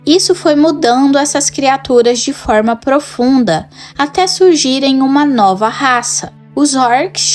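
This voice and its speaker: A woman with a Brazilian Portuguese accent narrates a scripted lore piece, her voice sitting a little high. She takes her time, laying out each line in a measured, dramatic way. Faint music plays underneath. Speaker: lore channel host.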